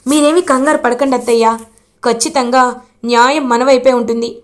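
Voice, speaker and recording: A woman's voice: high-pitched, steady tone, brisk, close to an everyday voice. Woman reading as an anxious young daughter-in-law. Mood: worried.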